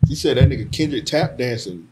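A man's voice: medium pitch, expressive, fairly quick, very noisy. Man bantering loosely on a podcast. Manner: loose, joking banter with profanity. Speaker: podcast co-host. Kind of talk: casual chat. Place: studio with couch and arcade machine. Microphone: desk microphone on arm.

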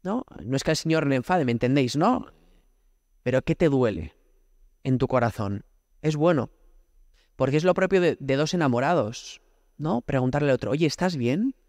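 A man's voice: mid-range voice, lively intonation, moderate pace, pauses often, a little mellow, dry recording, studio quality. A man from Spain, a priest, giving a conversational prayer homily, often asking rhetorical questions and speaking directly to God. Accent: Spanish from Spain.

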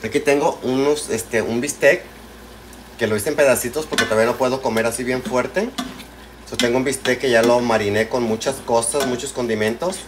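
Mexican guy livestreaming from his kitchen, slangy and affectionate, mid-pitched voice, pans clattering and frying behind him. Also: steady tone, a little fast, noisy background. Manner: chatty and affectionate, greets viewers by name, slangy. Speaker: live streamer. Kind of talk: casual cooking livestream chat. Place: home kitchen at night. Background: frying, pots and dishes clattering.

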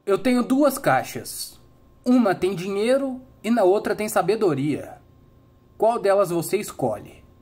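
A young man with a Brazilian accent tells dad jokes, setting up silly riddles and dropping deadpan punchlines. His voice is husky and swings widely in pitch. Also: unhurried. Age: young adult. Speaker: comedy channel host.

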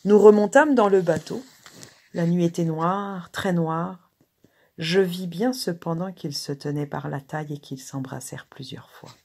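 A woman reading a classic short story aloud in a measured, expressive way. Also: sits low, vocal fry, husky. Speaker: reader.

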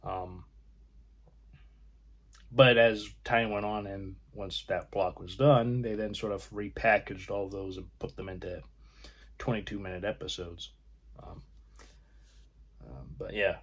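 A man hosting his own film channel, casually showing his disc collection in halting, rambling talk with frequent pauses. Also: deep voice, husky. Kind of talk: casual video collection review.

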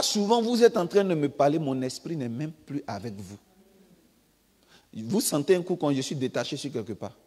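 A male pastor with an Ivorian French accent preaching a sermon, swinging between loud emphatic outbursts and quiet asides. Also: mid-range voice, slightly rough. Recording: long reverb of a church hall.

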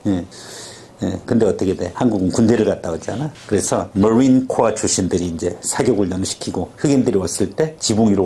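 A male teacher with a low, mellow voice leads a vocabulary class. He keeps quizzing the room and drilling pronunciation, and he wanders off into long stories between words. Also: slight background noise. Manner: talkative, drifts into stories.

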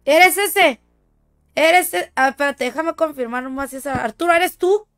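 A woman's voice: sits high, normal speed, fairly bright tone, soft background music. A woman with a Mexican accent streaming a shooter game, chatting casually with playful, teasing, boastful banter. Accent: Mexican Spanish. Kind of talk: casual gaming stream chat.

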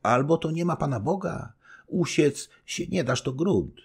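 Man putting on a high, eager young noblewoman. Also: expressive, measured pace, vocal fry, husky, exaggerated voice. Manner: eager, doting, girlish.

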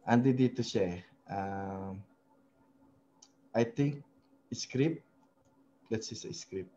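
A man's voice: lowish voice, drawn-out words, warm tone, lo-fi sound, a little hiss or hum. A man hosting a casual web design tutorial, talking hesitantly with many fillers and tag questions. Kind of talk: casual screen-share tutorial in mixed Tagalog and English.

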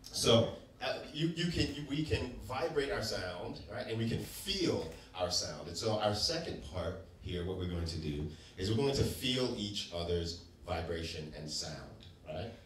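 A man leading a workshop, coaching a group through breathing and voice warm-ups with short encouraging prompts, often checking in with "right?". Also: on the low side, expressive, measured pace, few pauses. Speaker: workshop leader. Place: large room with an audience. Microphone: handheld mic, off-mic at times. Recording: echoey room, distant mic, audible noise.

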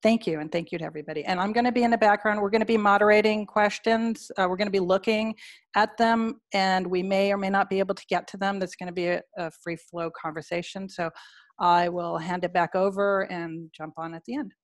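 A woman on a video call wrapping up announcements in an encouraging, brisk way before handing over. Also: medium pitch, fairly even intonation, no room sound. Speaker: organizer handing over to host. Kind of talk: closing announcement.

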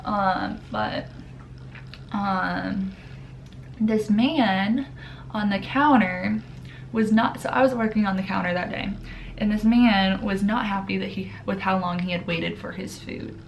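A young woman chats through her stories to camera, circling back with plenty of "um"s and restarts. Her voice has a gravelly fry to it, over a faint hiss in the background. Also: mid-range voice, takes it slowly. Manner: chatty with many fillers and restarts. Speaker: vlogger. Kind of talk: casual storytelling vlog.

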